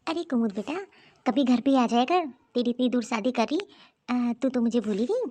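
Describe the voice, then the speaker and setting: A humble, kind-hearted older mother from a cartoon story, voiced by a woman. Her high voice is soft and accommodating, eager to please. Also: lively intonation, normal speed. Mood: gentle.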